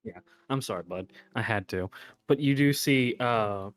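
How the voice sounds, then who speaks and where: A man running a tabletop game as game master, playful and teasing, quick to joke with his players. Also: medium pitch.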